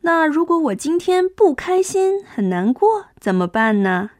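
A woman's voice: very high voice, lively intonation, a little mellow, dry recording, clean studio sound. A young woman teaching English to small children, coaxing them along and stretching out each sound to demonstrate it. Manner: coaxing, drawn-out demonstrative phonics. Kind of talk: children's language lesson.

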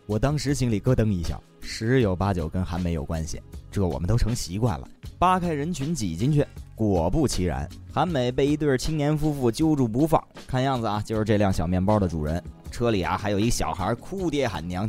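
A man narrating a comic story in a lively, conversational manner. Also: fairly low pitch.

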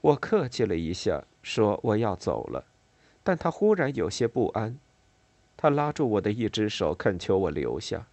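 A man narrating a novel in a measured reading style with expressive, varied intonation. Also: fairly low pitch, no room sound. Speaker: audiobook narrator.

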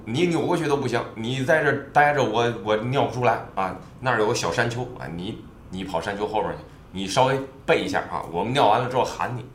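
A man's voice: medium pitch, quick pace, a little hiss or hum, close to an everyday voice. A man voicing a jokey young male teammate who teases and mocks, recorded with a roomy echo. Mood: flustered.

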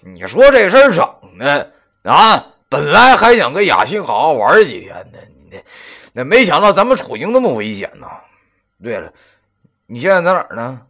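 A man's voice: a little high, wildly swooping pitch, normal speed, pushed and bright, pitched above the performer's own voice, full character voice. A man voicing a teasing, easygoing phone buddy. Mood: puzzled. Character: chatty middle-aged male buddy on the phone.

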